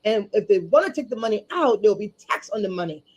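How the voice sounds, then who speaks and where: A woman from Liberia, speaking earnestly as a guest over a video call, often repeating words and pausing on fillers. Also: mid-range voice, animated, a little mellow. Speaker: guest, community advocate and chapter chair. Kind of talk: livestream interview.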